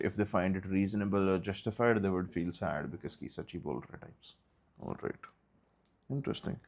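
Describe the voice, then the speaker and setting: During a study session, a man whose voice sits low and has a darkish tone reads from a textbook. As group leader, he keeps a steady reading pace and occasionally stops for brief asides.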